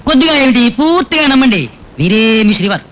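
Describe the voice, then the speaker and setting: A man's voice: very high-pitched, animated, fast, fairly bright tone. A man playing a sly male trickster in a comic film, teasing and scheming. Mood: solemn fake.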